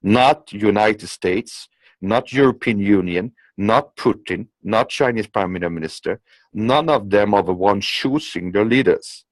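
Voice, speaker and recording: A non-native English-speaking commentator with a fairly low voice delivers an unscripted political monologue at a measured pace. He is emphatic and insistent, often checking in with "okay?". There's no echo.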